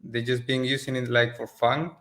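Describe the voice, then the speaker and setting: A Spanish man in his late twenties, Spanish being his native tongue, joins a video call as a guest from a rented office in Mexico. He runs an agency and talks in a relaxed, casual interview style, with loose phrasing and restarts. His voice is mid-range and his pace is normal.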